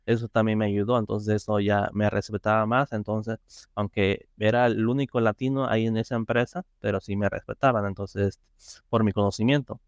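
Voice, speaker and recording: A man's voice: on the low side, fairly even intonation, normal speed, no echo, clean studio sound. A man, guest in a casual interview, talking hesitantly with many fillers and restarts. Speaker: interview guest, software tester.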